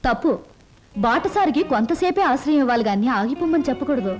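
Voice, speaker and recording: Proud departing heroine, high voice, dramatic, music behind. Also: female voice, expressive, fast talker, poor audio. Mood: emotional. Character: proud young woman about to leave home. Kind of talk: Telugu film drama acting. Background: film score.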